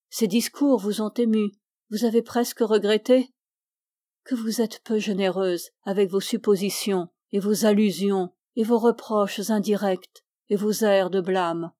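A woman's voice: medium pitch, warm tone, no echo, clean studio sound, close to an everyday voice. A woman voicing a despairing young man torn by love in a novel reading. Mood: bitter.

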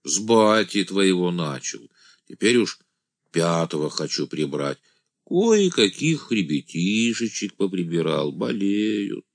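A man voicing a simple-minded village man who calls himself an angel, speaking in a naive, drawn-out singsong. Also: deep voice, very animated, no room sound, studio quality, exaggerated voice. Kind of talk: audiobook character voice.

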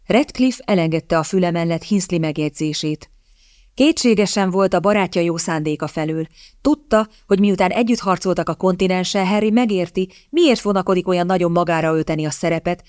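An audiobook narrator reading a period novel in a steady, measured storytelling manner. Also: mid-range voice, clear, resonant tone, dry recording, clean studio sound.

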